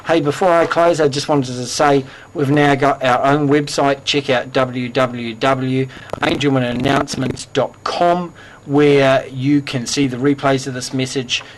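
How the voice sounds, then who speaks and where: A man's voice: mid-range voice, fairly even intonation, unhurried, a little hiss or hum. A man with a New Zealand accent hosting a casual community news bulletin, upbeat and chatty with fillers.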